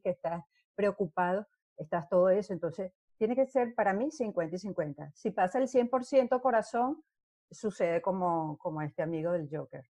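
A middle-aged actress tells stories in a casual interview and acts out the scenes as she goes. Her voice is mellow and dark. The sound is dry and close. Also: medium pitch, dry recording. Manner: animated storyteller who acts out scenes.

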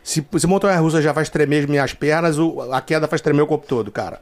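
Fast, high-voiced Brazilian man telling stories. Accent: Brazilian Portuguese. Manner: animated, acts out his own screams in stories. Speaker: guest comedian. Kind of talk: casual podcast chat.

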